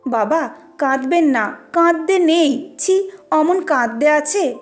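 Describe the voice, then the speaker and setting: A gentle father in his fifties in a storybook, speaking softly and soothingly, as a woman reads his lines. The voice stays high and unhurried over faint music. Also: animated. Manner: soothing, mildly reproachful. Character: gentle fifty-something father, mild and pleading.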